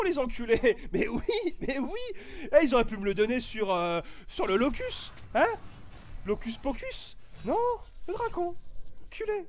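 A man doing casual gameplay commentary, excitable, swearing and shouting in bursts, with a stuffy, itchy nose. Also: very high-pitched. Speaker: gaming YouTuber.

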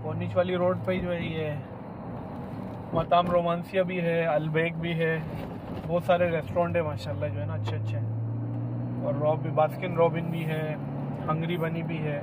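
Male food vlogger, 30s, upbeat chatter, fairly high voice, phone mic over noisy street and car sound. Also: little pitch movement, normal speed, highs cut off. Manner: chatty, enthusiastic, peppered with religious blessings. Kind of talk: casual food vlog. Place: restaurant cabin, then inside a car at night. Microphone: handheld phone camera.

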